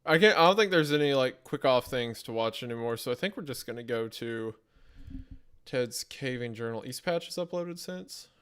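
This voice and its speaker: Southern man, lively rambling streamer. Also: medium pitch, moderate pace, clean tone. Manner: rambling, self-mocking, laughs often. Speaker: streamer and podcast host. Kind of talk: casual live-stream chat.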